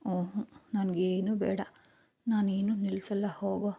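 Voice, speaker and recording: A dramatic, pouty young sister who sulks and wheedles, as a woman storyteller puts her on. She talks soft and breathy, often near a whisper. The sound is dull and lo-fi. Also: mid-range voice, flat delivery, measured pace. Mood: sulky. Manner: whiny, sulky, soft-spoken. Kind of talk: storybook reading.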